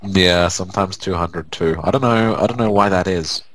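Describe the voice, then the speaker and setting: A man's voice: low-pitched, moderate pace, a bit bright. A man playing a game and chatting casually, joking, laughing and teasing his co-player. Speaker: let's play gamer. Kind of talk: casual gaming banter.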